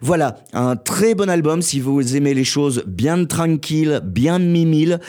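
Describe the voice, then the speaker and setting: A man hosts a radio music segment in a loose, joking manner, his voice sitting a little high for a man. He stops often to hesitate and restart. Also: measured pace. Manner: relaxed and jokey, with frequent hesitations. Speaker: radio host. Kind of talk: casual radio music presentation.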